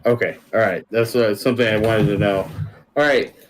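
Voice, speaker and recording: Low-voiced man planning aloud. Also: steady tone, a little fast, a little hiss or hum. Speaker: player. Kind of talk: playing a tabletop game.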